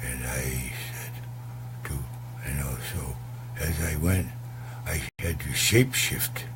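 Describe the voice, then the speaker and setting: Slow rambling comic storyteller man. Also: rumbling low, background noise. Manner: rambling, full of hesitations and crude asides. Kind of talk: rambling comic tall tale.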